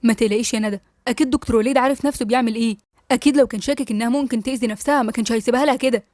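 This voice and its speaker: A woman with an Egyptian accent reading a calm man who reassures his worried wife. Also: a little high, rapid-fire, no room sound, clean studio sound, natural voice. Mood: reassuring. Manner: soothing, reassuring. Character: calm reassuring young husband.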